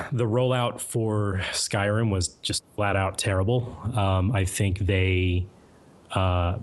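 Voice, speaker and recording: Measured man giving long, hedged answers. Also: on the low side. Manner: measured, hedging, lots of fillers. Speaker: guest mod author. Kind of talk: casual interview chat.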